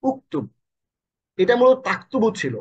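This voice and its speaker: A male Quran and Arabic teacher giving a recorded online lesson, explaining slowly and repeating each point in casual speech. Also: extremely high pitch, sing-song, slightly rough. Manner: explains slowly with repetition, colloquial. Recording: dull lo-fi audio.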